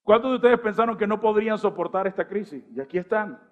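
A pastor in his forties preaches with lively energy and keeps asking his listeners rhetorical questions. His voice sits high for a man. The recording sounds dull and muffled. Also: fast. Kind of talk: sermon.

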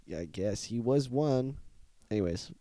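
A young man co-hosting a casual podcast, swearing freely and joking. His voice is mellow and darkish, with lively pitch. It is recorded dry and close, with no room sound. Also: unhurried, no echo. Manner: swears a lot, jokey, hums and sings snippets. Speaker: podcast co-host. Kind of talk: casual chat.

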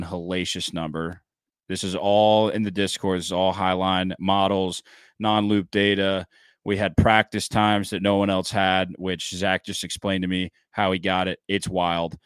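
A young man hosting a casual podcast, excitable and loud, rambling and swearing freely. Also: sits low, unhurried, smooth, no echo, clean studio sound. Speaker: podcast host.

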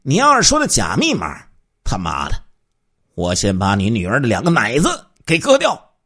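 A man's voice: medium pitch, huge pitch swings, normal speed, a bit bright, husky, pitched above the performer's own voice, heavily acted. A man voicing a thin male robber who threatens and curses. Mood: menacing.

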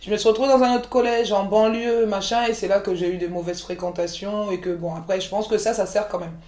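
A woman's voice: mid-range voice, steady tone, fast, warm tone. Candid 40s woman from ivory coast rambling about her life, roomy echo. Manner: frank, rambling, many restarts and fillers. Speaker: guest, chef and entrepreneur. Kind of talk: candid conversational interview.

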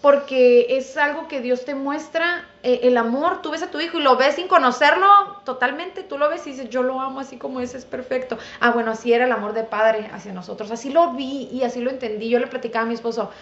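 A woman's voice: high voice, fairly quick, few pauses, muffled recording. Earnest young woman, roomy sound. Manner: earnest, testifying with faith. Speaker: guest.

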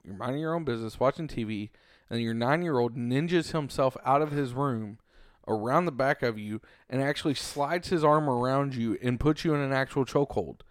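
Animated storytelling man, bro-talk. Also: medium pitch, a little fast, dry recording, clean studio sound. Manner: animated storytelling, says "bro" and "dude" often. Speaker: podcast co-host. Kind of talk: casual chat.

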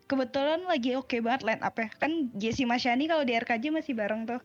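A woman tells an animated story in a casual podcast chat. The recording sounds dull and lo-fi. Faint music plays behind her. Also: high-pitched, quick pace. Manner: animated, storytelling, quotes people.

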